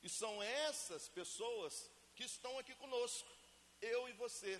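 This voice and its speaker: A man from Brazil preaching a lively sermon to a congregation and asking them to answer him. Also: very high-pitched, unhurried. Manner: acts out family scenes in everyday voices. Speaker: pastor. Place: church hall. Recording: reverberant church hall, faint hiss.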